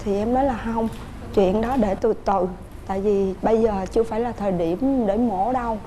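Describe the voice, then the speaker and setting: A woman's voice: medium pitch, brisk, warm tone, a little hiss or hum. A woman with a Southern Vietnamese accent, a guest on a couples talk show, earnestly telling her family's story at length. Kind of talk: casual chat.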